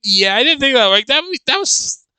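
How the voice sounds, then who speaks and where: Hosting a casual reaction video, a man speaks in a high, clean, very bright and animated voice with a smooth delivery. He thinks out loud in a halting way, looping back over his own phrases, and the recording is dry and close.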